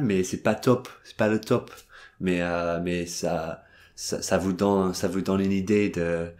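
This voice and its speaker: An Englishman speaking French as a second language, teaching English phrases in a hesitant way, with many fillers and restarts. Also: low voice. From England. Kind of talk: video language lesson.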